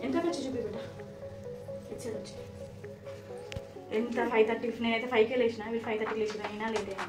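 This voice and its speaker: A woman's voice: fairly even intonation, quick pace, loud music behind the voice. A woman, a mother filming a casual family vlog while coaxing and bustling her kids along. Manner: coaxing and bustling, rising to a loud high pitch when hurrying the kids. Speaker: mother and vlogger.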